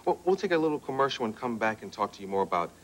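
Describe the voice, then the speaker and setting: A man's voice: medium pitch, sing-song, racing, a bit bright, slight background noise, rough recording. A man hosting a talk show, interviewing his guest in a joking, teasing way. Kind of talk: casual chat. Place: television studio.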